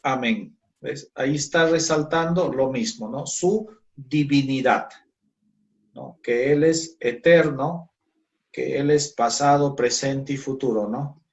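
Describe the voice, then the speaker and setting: Slow, questioning male Bible teacher. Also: medium pitch. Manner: slow, checks in with "¿ya?" and "¿no?". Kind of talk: Christology class.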